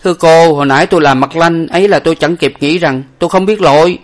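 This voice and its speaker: A man voicing a clumsy, panicky young male servant in a storybook, with a loud, flustered manner. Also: fairly high pitch, fast talker, voice pushed up, natural voice.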